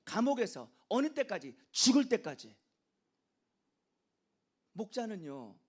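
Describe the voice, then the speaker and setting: Lively high-voiced male pastor lecturing. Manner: emphatic, quizzes the audience with questions. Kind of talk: church training lecture.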